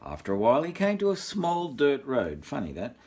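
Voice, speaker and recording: An Australian grandfather, sixty or older, reads a bedtime story in a medium-pitched, breathy voice at a slightly fast clip. He keeps drifting off the page into jokey, rambling asides, repeating himself with deadpan humor.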